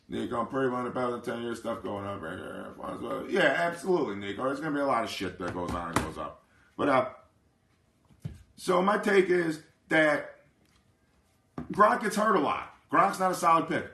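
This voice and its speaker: A man's voice: fairly high pitch, bright, forceful tone. Brash, profane man in a roomy space. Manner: keeps asking "you know what I mean". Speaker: livestream host. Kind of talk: casual live chat.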